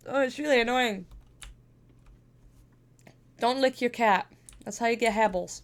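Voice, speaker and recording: A woman's voice: on the high side, slow pace, slight background noise. A woman streamer chatting casually and playfully while gaming, laughing often and sniffly with a stuffy cold.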